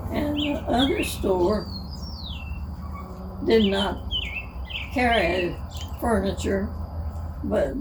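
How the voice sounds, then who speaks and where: Very old woman, elderly voice, halting reminiscence, creaky, picked up from a distance with noise and birdsong. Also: medium pitch. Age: 105, very old. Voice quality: aged, elderly voice. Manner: halting, in short broken phrases. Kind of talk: unscripted reminiscing about the old days. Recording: distant mic, noisy, birdsong behind.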